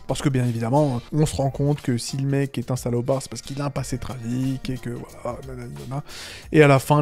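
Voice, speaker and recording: Sarcastic young man with a gravelly voice. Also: mid-range voice, mellow. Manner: sarcastic, laughs often, frequent fillers and restarts. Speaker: anime commentator. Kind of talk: casual video commentary.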